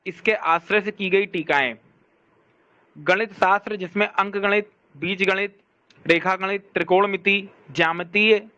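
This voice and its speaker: A man's voice: high voice, bright, forceful tone, highs cut off. A man teaching a lesson on Vedic sciences, reading from a text and explaining it, often asking and answering his own questions. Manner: speaks to someone scrolling a shared document. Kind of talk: explanatory classroom lecture.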